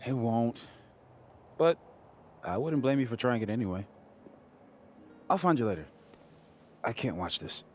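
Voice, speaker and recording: A dry-witted young friend from a video game, played by a man, who jokes in a deadpan, teasing way. His pitch swings widely, which gives his wry remarks a lively bounce. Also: unhurried, long pauses, slight background noise, natural voice.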